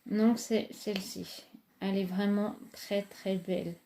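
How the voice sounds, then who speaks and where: A woman's voice: medium pitch, fairly even intonation, a little slow, warm tone. A woman, casually reviewing makeup palettes in a chatty, hesitant way with many fillers. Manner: enthusiastic about products. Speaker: beauty vlogger.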